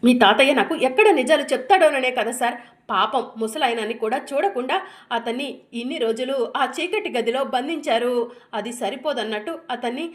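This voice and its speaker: A woman's voice: high-pitched, a little fast, close to an everyday voice. A woman voicing a wronged young wife who reproaches her husband, ending her questions with "sir". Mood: accusing.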